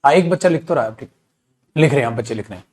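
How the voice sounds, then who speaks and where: A male English teacher giving a live online grammar class, explaining with rhetorical questions, reading example sentences very slowly and calling the students beta. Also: mid-range voice, expressive, a little mellow, husky. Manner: addresses students affectionately as beta.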